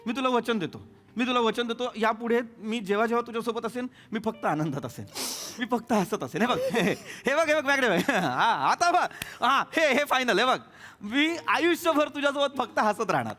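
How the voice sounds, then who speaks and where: A man's voice: very high-pitched, lively intonation, fairly quick, pushed and bright, full character voice. A man playing a sheepish husband in a stage comedy sketch, pleading and stammering as he repeats himself. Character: pleading sheepish husband, fond of his drinking buddy. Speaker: comic actor in a sketch.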